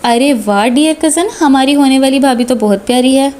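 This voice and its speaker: A woman's voice: high-pitched, moderate pace, a little mellow, close to an everyday voice. A woman reading a novel aloud, voicing a playful, mischievous young woman who teases. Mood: teasing. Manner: teasing, cheerful.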